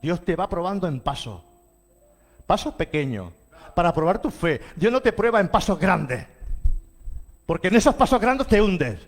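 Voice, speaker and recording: High-voiced fervent Spanish preacher man. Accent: Spain Spanish. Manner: fervent preaching with wide swings in pitch and volume. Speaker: pastor. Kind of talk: sermon.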